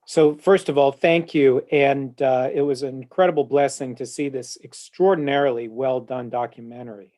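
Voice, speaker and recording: Joining a discussion panel by video call from his home office, a man speaking as a rabbi is earnest and eloquent, though he says "uh" often. His voice is mid-range with a dark tone.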